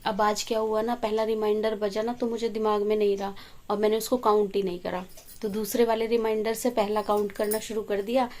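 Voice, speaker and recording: Chatty woman with a flat, even voice. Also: medium pitch, fairly quick. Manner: chatty, rambling storyteller; speaks softly while family sleeps. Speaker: vlogger. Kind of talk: casual home vlog.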